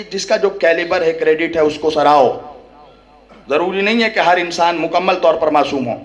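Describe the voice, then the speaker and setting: A man with a high-pitched voice delivers an impassioned religious oration. He talks straight to the people in front of him, peppering his points with rhetorical questions and a questioning "hain?", and now and then climbs to a shout. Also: dull audio. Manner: rises to shouting at climaxes; speaks directly to the audience. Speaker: religious orator at a mourning gathering.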